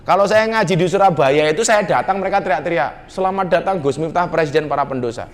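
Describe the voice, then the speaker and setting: This middle-aged man, Javanese accent and slightly high voice, talks fast as he jokingly preaches to a nightclub crowd. He teases his live audience in the hall and slips Javanese slang into his sermon.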